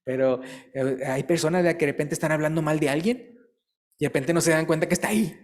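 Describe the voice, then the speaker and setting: Chatty preacher man, slightly high voice. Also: quick pace. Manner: chatty, asks listeners questions and tells jokes. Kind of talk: conversational sermon.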